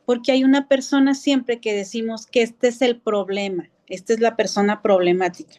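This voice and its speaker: Higher-voiced Mexican woman teaching. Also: fairly even intonation, a little mellow. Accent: Mexican Spanish. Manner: explains patiently, often pausing with filler words. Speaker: teacher of a church family course. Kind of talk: conversational lecture.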